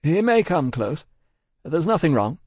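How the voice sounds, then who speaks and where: A man voicing a mild, businesslike gentleman passenger in a storybook, speaking politely. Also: fairly high pitch, sing-song, a little slow, husky, no room sound, studio quality, voice pushed up, heavily acted. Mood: quietly confident.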